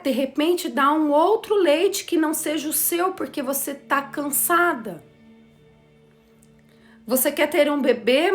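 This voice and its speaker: Slow, reflective woman lecturing. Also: high-pitched. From Brazil. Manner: slow, reflective, addresses listeners with questions. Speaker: teacher of a course on systemic motherhood. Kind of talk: spoken lecture to a class.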